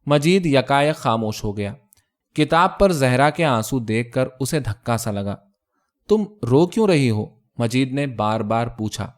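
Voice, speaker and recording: A male storyteller reading a short story aloud in a steady, measured way. His voice sits at an ordinary middle pitch and keeps an even pace through the narration.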